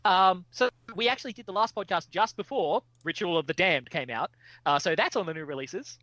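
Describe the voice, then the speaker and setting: A man co-hosting a casual podcast talks in an animated, rambling way and swears casually. His voice is bright and forceful and sits a little high. The sound is dry and close. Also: fairly quick, no echo, lo-fi sound. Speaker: podcast co-host.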